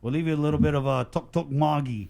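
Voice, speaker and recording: Brief: cheery male radio host with a slightly high voice, loose and jokey. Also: fairly even intonation, quick pace, gravelly, warm tone. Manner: upbeat, joking, laughs along. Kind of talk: casual radio talk show.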